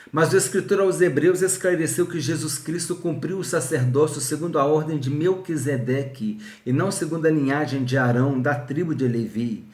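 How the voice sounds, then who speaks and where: A man gives a recorded Bible lesson at a middle pitch, working through his points with many restarts and repeated words. His voice rings in an echoey room. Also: darkish tone. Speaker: Bible teacher.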